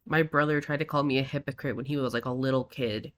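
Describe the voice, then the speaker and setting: A man's voice: mid-range voice, fairly even intonation, fast talker, a bit bright. Chatty man telling a family story. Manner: chatty storyteller, swears casually. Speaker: co-op gaming partner. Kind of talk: casual gameplay chat.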